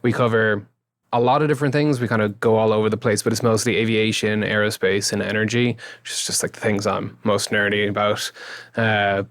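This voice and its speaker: A man in his thirties with a west of Ireland accent and a low voice that often drops into fry. He talks informally and loosely, rephrasing as he goes, like a guest in a relaxed interview. The sound is close and dry. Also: dry recording. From Galway, west of Ireland. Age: 30s. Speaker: interview guest, YouTube creator and engineer. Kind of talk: casual interview chat.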